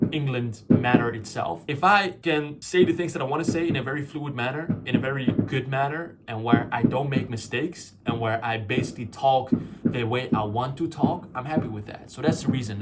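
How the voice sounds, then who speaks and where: This medium-pitched man's voice comes through very noisy: he's a young YouTuber whose first language is Farsi, musing in a solo vlog with lots of fillers and false starts. Loud fireworks and clicking can be heard behind him.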